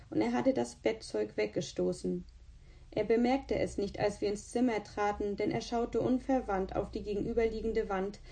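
A woman narrating a storybook in the first person, with a calm and even delivery. Her voice is mellow and dark-toned, at a middling pitch. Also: vocal fry. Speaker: audiobook reader.

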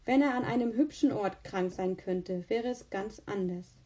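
A woman voicing a serious, thoughtful young boy who speaks quietly and musingly. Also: medium pitch, moderate pace, natural voice.

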